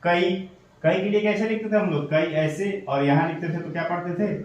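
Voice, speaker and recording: A man's voice: high-pitched, moderate pace. A man teaching shorthand step by step, patiently asking questions and answering them himself. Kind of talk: step-by-step tutorial explanation. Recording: echoey room, voice from a distance.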